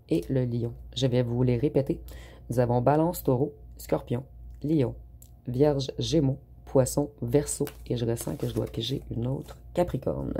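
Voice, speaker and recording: A tarot reader, giving an unhurried spoken reading with frequent hesitant pauses. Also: mid-range voice, dark tone, husky.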